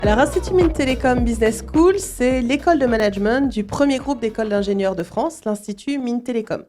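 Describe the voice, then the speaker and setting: Woman, middle-aged, school director, warm mellow tone, hesitant, lots of fillers. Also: on the high side, lively intonation, brisk, soft background music. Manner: hesitant, many fillers and restarts. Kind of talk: interview answers at a student fair.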